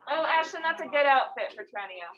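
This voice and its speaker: A woman teaching a high school English class in an informal, conversational way, checking in with questions. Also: expressive, brisk, a bit bright, dull audio. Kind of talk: classroom lesson to students. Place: classroom, voice picked up from a distance. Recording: distant classroom recording.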